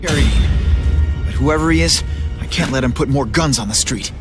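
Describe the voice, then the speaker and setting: A man's voice: mid-range voice, normal speed, close to an everyday voice. A man playing a cocky, wisecracking young superhero in a video game, with a sarcastic, teasing manner. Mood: frustrated. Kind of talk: video game cutscene voice acting. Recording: loud music behind the voice.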